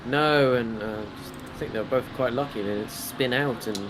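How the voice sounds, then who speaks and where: A man's voice: mid-range voice, unhurried, noisy background. A man commentating a sim race with chatty, laughing banter. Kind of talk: casual esports race commentary.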